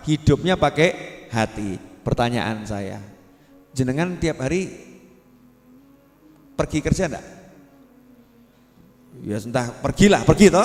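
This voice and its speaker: A man with a Javanese accent preaching to a congregation, lively, quizzing the audience and acting out little scenes, in a large hall. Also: on the high side. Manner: lively, asks the audience questions, acts out scenes. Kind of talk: religious lecture to a congregation. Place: prayer gathering in a large hall. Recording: long hall reverb.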